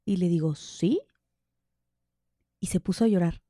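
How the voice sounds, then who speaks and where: A woman, a podcast guest telling candid personal stories in an animated way, acting out the dialogue. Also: lowish voice, a little slow, no echo, studio quality. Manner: animated, laughs often, acts out quoted dialogue. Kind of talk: candid conversational storytelling.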